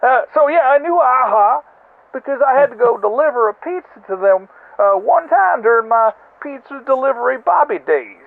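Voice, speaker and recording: A man with a very high voice leaves a rambling voicemail, heard over a landline phone. The sound is thin and tinny, as on an old phone line. He chats loosely, with plenty of "you know" and side remarks. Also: animated, normal speed, vocal fry. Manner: chatty, rambling, full of "you know" and asides. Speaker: caller leaving a voicemail. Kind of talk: rambling comic voicemail story.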